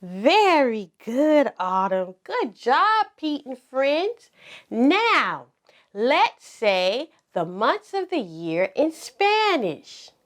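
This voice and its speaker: A woman's voice: high voice, big pitch swings, drawn-out words. A woman hosting a kids show, speaking in an encouraging sing-song way to small children, with simple, repeated phrases. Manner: enunciates simply with repetition. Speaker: children's circle time host. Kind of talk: kids show host, teaching preschoolers.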